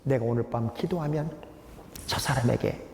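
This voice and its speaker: A Korean pastor in his sixties, a man, preaching a sermon with lively humorous storytelling. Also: medium pitch, normal speed, gravelly. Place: large church sanctuary. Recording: echoey church hall, faint noise.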